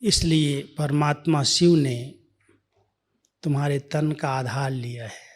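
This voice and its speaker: A man giving a devotional talk, telling a spiritual life story in a measured way that sometimes drops to a near-whisper. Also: fairly high pitch. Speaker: spiritual speaker.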